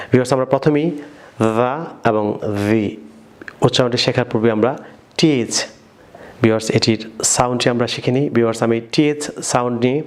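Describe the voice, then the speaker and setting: A man with a Bangladeshi accent teaching English pronunciation, who keeps addressing his viewers and has them repeat slow drill words. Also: medium pitch.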